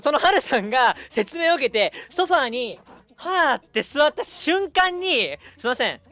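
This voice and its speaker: A young man chatting casually as a streamer, telling a long story in an animated way and acting out the people in it. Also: very high voice, unhurried. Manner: animated, acts out quoted people.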